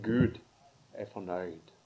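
A man's voice: on the low side, lo-fi sound, a little hiss or hum. Older man preaching with dramatic swells. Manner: builds to loud emotional climaxes, then prays softly. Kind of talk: sermon.

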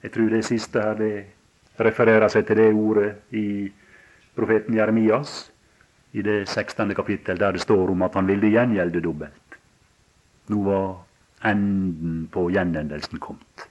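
Low-voiced preacher. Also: male voice, little pitch movement, darkish tone. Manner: halting, repeats words, then rises with emphasis. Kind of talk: sermon.

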